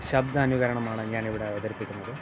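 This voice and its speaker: A man's voice: fairly low pitch, fairly even intonation, brisk, noisy background. Friendly man presenting his mimicry video. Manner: friendly, asks viewers for likes. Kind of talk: casual video introduction.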